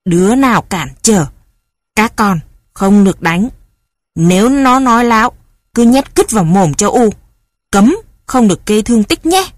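A woman's voice: mid-range voice, expressive, normal speed, long pauses, dry recording, studio quality, lightly acted. A woman playing a stern old mother. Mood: commanding. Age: older. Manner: commanding, wailing lament. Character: stern elderly mother, foul-mouthed, strong-willed.

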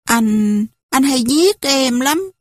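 A woman's voice: high voice, lively intonation, extremely slow, no echo, clean studio sound, heavily acted. Woman voicing an anxious young wartime woman. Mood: tender. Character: young woman hiding in a cave during wartime.

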